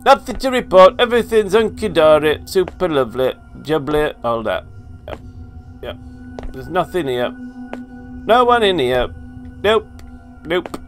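A man's voice: fairly high pitch, sing-song, measured pace, faint music behind. Jumpy, sweary man gaming. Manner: jumpy, sweary, joking to himself. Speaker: gaming video host. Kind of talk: horror game playthrough commentary.

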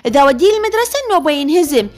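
Woman, Iraqi Arabic accent, very high voice, rapid delivery, chatty let's-play commentary, teasing and scolding. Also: lively intonation, soft background music. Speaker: gaming video host.

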